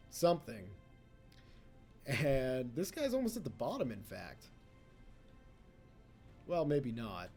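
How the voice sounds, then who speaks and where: In a mid-range, dark-toned voice, this young English-speaking let's play host chatters loosely through his gameplay. He keeps talking to the game and poking fun at himself.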